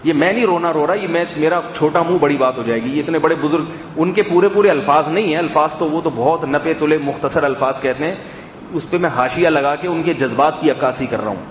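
A man giving a sermon to a live audience, chatting with the crowd, asking them rhetorical questions and dropping to a soft hush to make a point. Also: fairly high pitch, slight background noise. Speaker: preacher and counselor. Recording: echoey hall with faint ambience.

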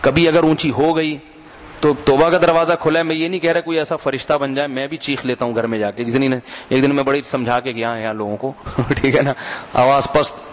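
A man's voice: medium pitch, fairly even intonation, brisk. A man preaching a sermon with a mid-range voice, speaking in an easy, conversational way and telling humorous anecdotes. He keeps checking in with his listeners and asking them to answer. His voice carries a long reverb, as though he is in a large hall. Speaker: religious preacher.

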